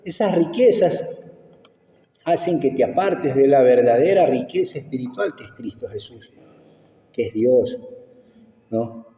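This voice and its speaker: A man's voice: mid-range voice, lively intonation, measured pace, long pauses, warm tone. A man preaching a sermon, emphatic, repeating phrases and asking rhetorical questions. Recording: echoey church hall, from far off.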